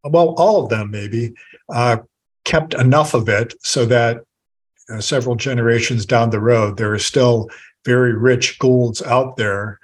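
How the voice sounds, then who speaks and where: Husky-voiced man telling history calmly. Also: mid-range voice, rough recording. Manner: measured storytelling explanations. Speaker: author guest. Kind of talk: podcast interview conversation.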